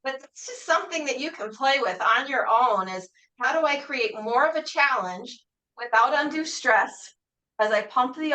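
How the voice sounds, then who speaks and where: Bright calm woman Pilates instructor. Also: sits high, rough recording. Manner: calm, encouraging, asks reflective questions. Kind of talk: guided exercise class cueing.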